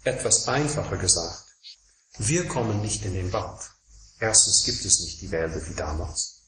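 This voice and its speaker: A man's voice: fairly low pitch, a bit bright. A man giving a Buddhist dharma talk as a teacher, counting off his points and hammering home contrasts through repetition. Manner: emphatic, rhetorical repetition of contrasts. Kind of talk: lecture-style dharma talk. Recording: roomy echo, faint background noise.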